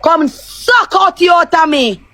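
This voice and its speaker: Rich: A very high, piercing Jamaican woman shouts taunts over and over in a heated live-stream quarrel. Her voice is bright and sharp as she hurls crude insults in thick patois. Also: lively intonation, a little slow, dry recording.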